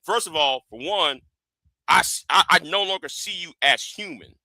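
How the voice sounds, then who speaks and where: Man, livestream host, loud sharp delivery, high pitch, very piercing tone, combative, profane. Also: moderate pace, dry recording. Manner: repeats words emphatically, profane. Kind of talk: confrontational livestream rant.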